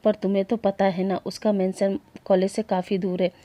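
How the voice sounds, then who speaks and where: A woman's voice: medium pitch, flat delivery, moderate pace, warm tone, dry recording, close to an everyday voice. A woman voicing a shy, easily flustered young man in a story she narrates. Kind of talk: storytelling voice acting.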